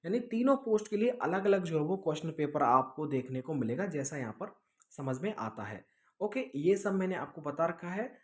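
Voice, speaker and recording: Answering students' questions in a casual online lesson, a male exam coach explains at length, repeats himself, checks in often and code-mixes English. His slightly high, somewhat mellow voice swings widely in pitch at a moderate pace.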